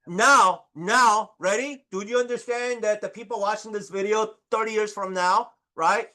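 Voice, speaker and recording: High, bright-voiced animated chemistry teacher. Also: male voice, moderate pace. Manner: animated, exclamatory, constantly asking "right?". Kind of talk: lively classroom lecture. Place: classroom.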